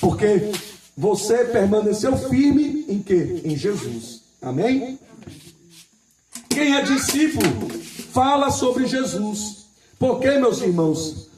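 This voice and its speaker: A man preaching a sermon, repeating his points, asking the congregation for an "Amém", and reading scripture slowly and with emphasis. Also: sits high, expressive, dark tone, echoey room, recorded from a distance, low-quality recording.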